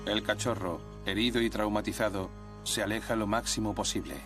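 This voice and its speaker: A man's voice: lowish voice, steady tone, fairly quick. A man delivering scripted nature documentary narration. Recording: narration over background music.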